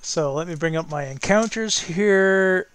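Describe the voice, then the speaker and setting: A man's voice: sits high, a little slow, clean tone, no room sound. A man working as game master, improvising narration for a tabletop game.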